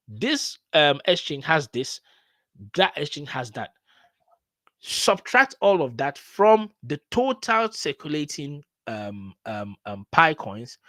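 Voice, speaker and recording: A man's voice: fairly high pitch, a bit bright, no echo. A man hosting a live stream, explaining things step by step with many filler sounds. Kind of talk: casual live-stream talk.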